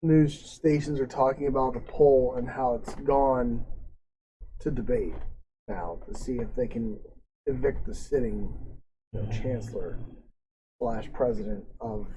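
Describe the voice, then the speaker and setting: A man's voice: mid-range voice, a little slow, pauses often, warm tone, a little hiss or hum, low-quality recording. A man narrating as game master in a casual tabletop role-play session, cursing now and then. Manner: casual, swears freely while describing scenes.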